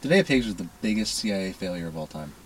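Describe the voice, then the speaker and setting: Low-voiced man telling curious anecdotes. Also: very animated, racing, breathy edge, low-quality recording. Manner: curious, laughs often, tells anecdotes. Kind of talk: casual profane chat.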